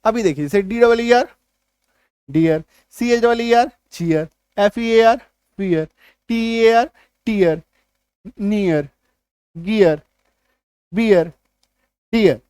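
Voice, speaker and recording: A male teacher giving a spoken lesson, repeating each point and quizzing the listener with quick questions as he drills lists of words. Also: high voice, a little mellow, smooth, no room sound. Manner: drills word lists aloud, one word at a time.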